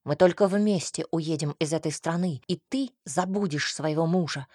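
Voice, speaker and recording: A woman's voice: sits low, normal speed, warm tone, slightly rough, dry recording, clean studio sound. A woman voicing a menacing, obsessive young man in an audiobook, speaking in a sugary, venomous, threatening tone. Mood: pleading. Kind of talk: audiobook character reading.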